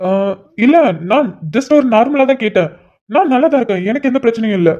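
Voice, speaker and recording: A woman voicing a hesitant, evasive young man who gives halting, defensive replies in a cartoon. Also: fairly high pitch, animated, warm tone, highs cut off, pitched below the performer's own voice, lightly acted.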